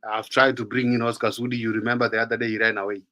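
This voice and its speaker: A Kenyan man hosting a casual panel talk, animated and mixing English with Swahili. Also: medium pitch, racing. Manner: animated, switches between English and Swahili, mimics others. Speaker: talk show host.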